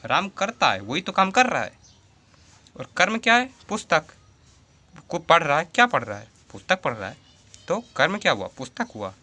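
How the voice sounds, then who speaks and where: A man teaching a grammar lesson in a bright, fairly high voice that swings widely up and down. He keeps repeating his example sentences and quizzing the listener with rhetorical questions, calling them 'bhai'. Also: very animated, moderate pace. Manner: addresses the viewer as 'bhai'. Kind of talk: Hindi grammar lesson for students.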